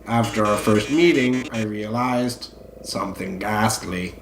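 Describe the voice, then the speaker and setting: Man voicing grandiose robot showman villain, echoey, like Mettaton. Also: lowish voice. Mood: menacing, showy. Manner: grandiose, dramatic pauses. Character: theatrical menacing robot TV star, showman villain. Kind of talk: game dialogue read aloud. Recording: echoey room, game music behind.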